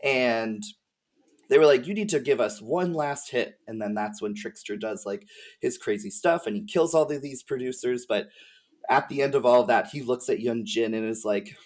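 A man with a mid-range voice appears as a podcast guest, talking about game lore in a casual, halting, informal way, with slang and a bit of swearing.

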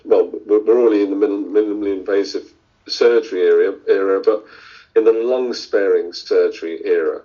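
A middle-aged man from India with a lowish voice speaks as a surgeon guest in an interview. He talks thoughtfully, full of ums and restarts. The audio is dull and lo-fi, as over a video call. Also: mellow. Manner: thoughtful, many fillers and restarts. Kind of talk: interview answers.

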